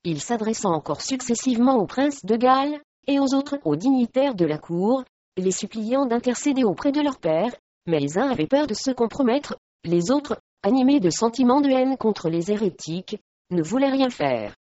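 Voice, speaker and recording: A woman narrating a historical storybook in a steady, measured way, in a dull lo-fi recording. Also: a little high, dry recording.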